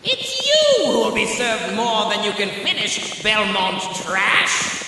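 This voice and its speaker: A villainous floating skull of Death in an audio drama. The taunts come slowly in a swooping, hissing growl. The voice sounds distant, amid clear noise. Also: male voice, sits high, big pitch swings, exaggerated voice. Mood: menacing. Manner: slow, taunting. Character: menacing villain Death, giant green skull. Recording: very echoey, distant, noisy effects.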